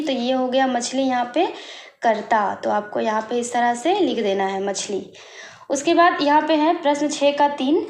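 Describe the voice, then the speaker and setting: A woman teacher explaining homework answers step by step, patient and repetitive, checking in with her students often. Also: high-pitched. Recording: echoey room with faint noise.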